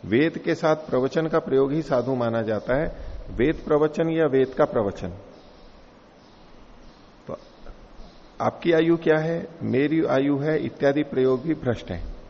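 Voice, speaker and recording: Gravelly older-style teacher in echoey hall. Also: male voice, mid-range voice, measured pace, pauses often, lo-fi sound, slight background noise. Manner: explanatory, laughs along with class. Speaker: teacher of scripture. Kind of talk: classroom lecture on scripture. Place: lecture hall.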